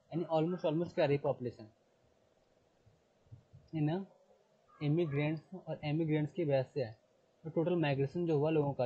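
Husky-voiced male teacher on a tinny line. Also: a little high, dark tone. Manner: repeats key terms, asks and answers his own questions; reads English text slowly before explaining. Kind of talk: classroom lecture in Hindi mixed with English. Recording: phone-like lo-fi sound.

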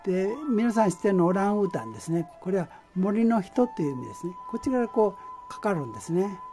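A man giving an amateur language lesson, explaining patiently in a halting way with many pauses and fillers. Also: sits high, animated, mellow, soft background music. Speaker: language teacher.

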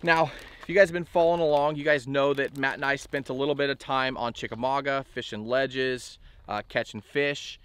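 A man in his thirties giving a relaxed, chatty fishing gear review to camera outdoors by a lake, with a lot of fillers. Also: medium pitch, a little fast, hardly any pauses, clear, resonant tone. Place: outdoors on a bass boat by a lake.

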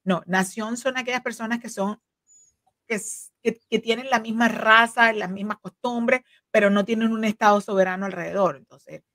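Speaking at a moderate pace in a steady, somewhat bright voice on the high side, with no echo, is a woman in her forties who works as an immigration legal counsel. Her first language is Spanish; as an interview guest she explains earnestly, stumbling through fillers and restarts, on a desk microphone during a video call from her home office.

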